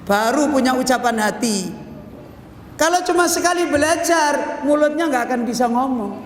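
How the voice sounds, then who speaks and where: A man's voice: very high voice, expressive, moderate pace. A man preaching a sermon in a mosque hall, asking his listeners rhetorical questions and answering them himself. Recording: echoey hall with long reverb, faint noise.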